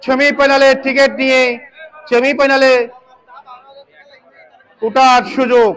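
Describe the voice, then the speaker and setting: A very high-pitched, slightly bright man's voice with a Bangladeshi accent calls a local football match at a measured pace and flat delivery. He handles commentary and announcements against crowd noise, often repeating phrases as play unfolds.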